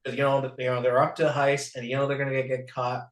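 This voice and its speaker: A man joins as guest in a casual recap chat, speaking haltingly with many restarts. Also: mid-range voice, flat delivery. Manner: halting, full of "you know" restarts. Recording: roomy echo.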